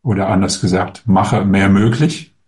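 Answering questions from viewers, a spiritual teacher talks at a normal speed in a low voice. His manner is calm and musing, with frequent hesitations.

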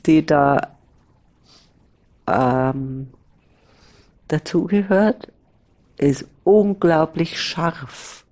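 Very slow, low-voiced woman teacher. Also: dark tone. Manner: pauses often, speaks in drawn-out fragments. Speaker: spiritual teacher. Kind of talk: slow reflective spiritual dialogue.

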